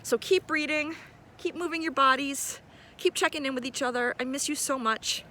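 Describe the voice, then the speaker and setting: Speaking as an upbeat, encouraging teacher, a middle-aged woman sends her students a casual video from outdoors in a park. She has a high, bright voice with a forceful edge and talks at a moderate pace, with park noise in the background.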